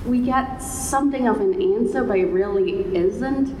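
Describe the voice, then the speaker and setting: A woman's voice: mid-range voice, normal speed. A woman speaking on a panel as a writer, chatting casually and with energy about what shaped her work. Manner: casual and animated. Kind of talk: panel discussion answer. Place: hotel meeting room with audience. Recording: echoey hall, background noise.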